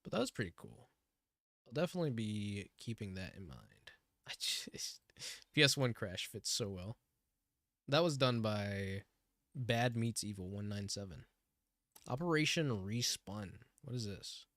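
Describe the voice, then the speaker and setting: Excitable male gaming streamer, hoarse voice. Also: on the low side, a little slow, no echo, clean studio sound. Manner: excitable, laughs often. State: hoarse from talking. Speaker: gaming livestreamer. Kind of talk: casual live-stream chat. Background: game music.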